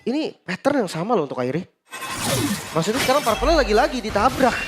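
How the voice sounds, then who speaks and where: A man's voice: sits high, big pitch swings, fast, background noise. An Indonesian man co-commentating an esports match in a casual, reactive, questioning way. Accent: Indonesian, colloquial. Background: music.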